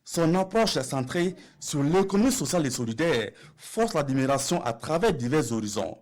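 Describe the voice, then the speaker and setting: A man's voice: on the high side, big pitch swings, moderate pace, darkish tone. A man narrating a television news report with a formal delivery.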